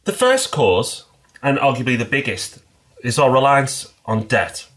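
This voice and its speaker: Male co-host, measured explainer, mid-range pitch, conversational podcast delivery. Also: big pitch swings, fairly bright tone. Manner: measured, explanatory, with small restarts. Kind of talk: casual podcast discussion.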